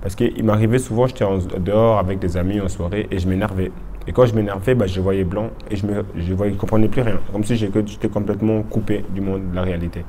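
Fast-talking young man giving a testimony. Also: fairly low pitch, fairly even intonation, dark tone, a little hiss or hum. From Congo. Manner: informal, restarts sentences often. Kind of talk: personal testimony.

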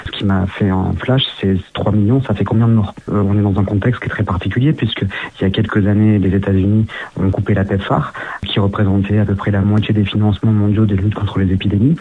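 A man from France, a guest in an interview, answering quickly and earnestly with many restarts, heard down a phone line. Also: fairly low pitch, husky. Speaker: guest, social media activist.

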